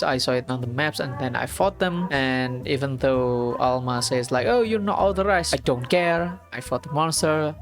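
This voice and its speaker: A gaming YouTuber chatting casually, thinking aloud and correcting themself while reading an article aloud. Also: medium pitch. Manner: thinking aloud, self-correcting, unsure of word pronunciation.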